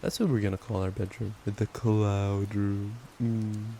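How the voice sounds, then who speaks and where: A young man performs intimate boyfriend ASMR and bedtime reading, affectionate, casual and playful. His voice is lowish and a little slow. Steady rain fills the background along with soft music.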